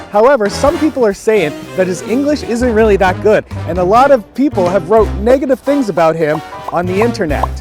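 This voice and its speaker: A man hosting a street interview outdoors on a city street, upbeat and chatty. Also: sits high.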